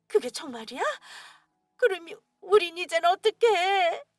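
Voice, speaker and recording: A woman's voice: extremely high pitch, lively intonation, a little slow, dry recording, clean studio sound, soft background music, pitched above the performer's own voice. A woman voicing a weak grown son and husband who stammers and pleads, in a dramatized radio story. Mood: stammering.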